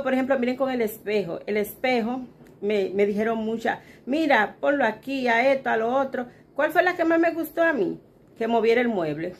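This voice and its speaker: A woman from the Dominican Republic, a mother and vlogger, talks straight to her audience of "chicas" from her bedroom, chatty as she acts out quoted remarks. Her voice is a little high, with a Dominican Spanish accent, and a little hiss or hum sits under the recording.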